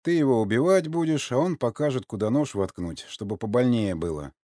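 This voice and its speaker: A man's voice: mid-range voice, animated, fairly quick, mellow, no echo, studio quality, natural voice. A man reading an audiobook, voicing a wry, polite man who coaxes others along. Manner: wry, coaxing. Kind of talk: audiobook character voice.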